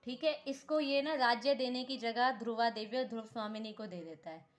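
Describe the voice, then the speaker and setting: A woman's voice: fairly high pitch, normal speed. A woman teaching an exam-prep history lesson, asking questions and answering them herself, repeating key names and often saying "theek hai" with small self-corrections.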